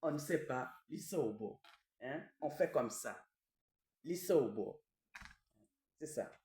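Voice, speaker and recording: A woman in the role of a traditional queen gives a language lesson. She repeats each word slowly and often tags her phrases with a questioning "hein?". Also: very deep voice, animated, mellow. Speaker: traditional queen teaching vocabulary. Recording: echoey room, mic at a distance.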